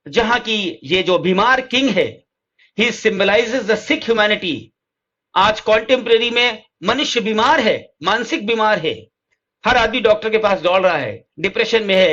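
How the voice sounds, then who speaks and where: Man lecturing in very measured steps. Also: sits high, fairly bright tone. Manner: slow, deliberate English lines and rapid Hindi explanations; asks the class questions and answers them himself. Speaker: literature teacher. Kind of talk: lecture mixing Hindi and English. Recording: dull lo-fi recording.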